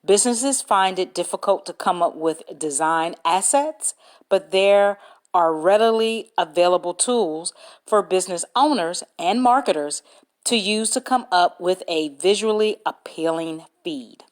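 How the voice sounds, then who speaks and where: Slow, deliberate woman podcast host. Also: on the low side, lively intonation. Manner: slow, deliberate, reads points aloud and spells words out. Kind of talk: solo podcast talk giving business tips.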